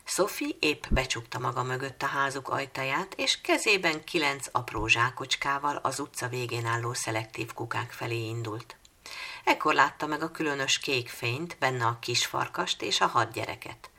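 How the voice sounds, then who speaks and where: A woman reading a children's storybook aloud in a calm, measured way, sometimes dropping almost to a whisper. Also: a bass voice. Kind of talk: storybook narration.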